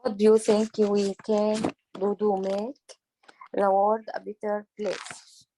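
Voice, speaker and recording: A woman from Egypt, an English learner who leads a class discussion in a slow, deliberate way with small hesitations. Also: mid-range voice, level tone, warm tone, slight background noise, poor audio. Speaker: adult English learner leading a class talk.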